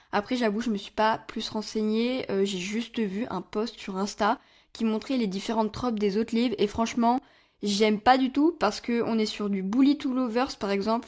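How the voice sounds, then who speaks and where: A woman's voice: on the high side, darkish tone. A young woman chatting candidly through her monthly book reviews, with playful asides. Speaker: book vlogger. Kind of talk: casual book review monologue.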